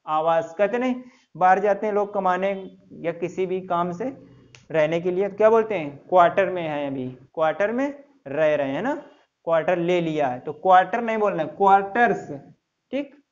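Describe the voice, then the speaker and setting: High-voiced male teacher drilling a class. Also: moderate pace, lo-fi sound. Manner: repeats answers in call-and-response drilling; spells words out letter by letter. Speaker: English teacher. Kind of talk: classroom lesson.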